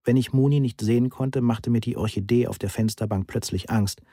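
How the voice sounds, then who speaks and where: A man reading a first-person novel aloud as audiobook narrator, measured, dry and understated. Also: mid-range voice, mellow, dry recording.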